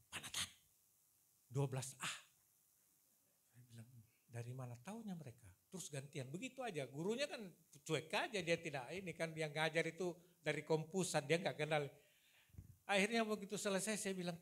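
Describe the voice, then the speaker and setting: A man in his sixties, a pastor, telling his own story in a lively sermon to his congregation. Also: a little high. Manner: storytelling, animated, addresses congregation as "saudara". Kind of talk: sermon with personal testimony. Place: church service.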